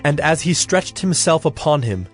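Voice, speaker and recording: Guy reading bible passages, steady and even, faint music behind. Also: fairly high pitch, moderate pace. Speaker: scripture reader. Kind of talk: scripted scripture narration.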